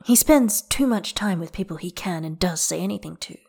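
A woman narrating a work of fiction aloud in a measured, even reading voice. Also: fairly low pitch, gravelly, breathy edge.

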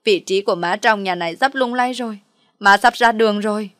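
A weepy, jealous older wife whining out her grievances in loud bursts, as a woman puts her on. The sound is dry and close, with no room behind it. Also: mid-range voice, fairly even intonation, quick pace, no room sound, natural voice. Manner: tearful, whining complaints.

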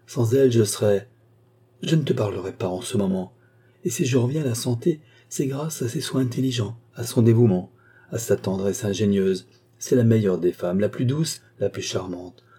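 A man's voice: on the low side, moderate pace, mellow, breathy edge. A man reading an audiobook, voicing a frail, stubborn and emotional old marquis in a raised voice. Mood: insistent. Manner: insistent, emotional.

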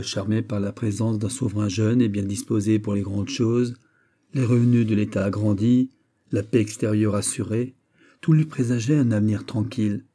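A man narrating a classic novel in a measured storytelling manner. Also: lowish voice, dark tone. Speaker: audiobook reader.

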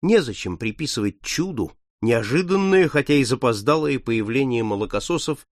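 A man's voice: mid-range voice, lively intonation, moderate pace, dry recording, studio quality. Man narrating an adventure audiobook. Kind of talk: scripted narration.

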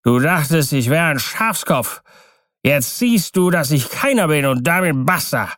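Bellowing drunken sailor, higher and louder than the narration, read by a male narrator. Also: lively intonation, a little slow, no room sound, studio quality. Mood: scornful. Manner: rowdy, bellowing, slurred. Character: drunk, defiant male sailor, coarse and boastful.

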